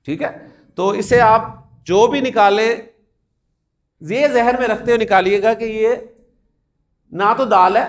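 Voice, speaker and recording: A man from Pakistan, teaching a class the Arabic alphabet. He says the letters aloud slowly, one by one, asks the class questions and mixes English words into his Urdu. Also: high voice.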